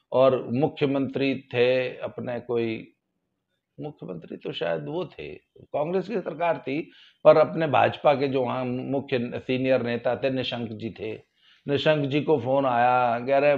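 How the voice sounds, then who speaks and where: A man giving casual spoken commentary, folksy and sarcastic, getting loud when he stresses a point. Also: medium pitch, lo-fi sound. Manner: folksy, sarcastic, rises loudly for emphasis. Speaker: political commentator.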